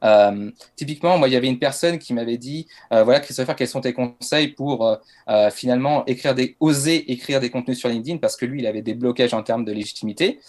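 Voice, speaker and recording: A man's voice: medium pitch, fast, few pauses, a little mellow. A French man presenting a masterclass on writing social media posts, casual and hesitant with frequent fillers. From France. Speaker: LinkedIn content coach.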